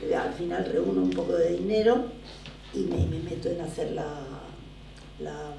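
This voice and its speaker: An older woman with a gravelly, mellow voice tells theatre stories with lively emphasis. She sounds distant in an echoey lecture room with faint background noise. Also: low voice, moderate pace. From Barcelona, Spain. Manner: animated, emphatic storytelling. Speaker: theatre producer, guest. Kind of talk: conversational interview. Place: lecture room at a drama school.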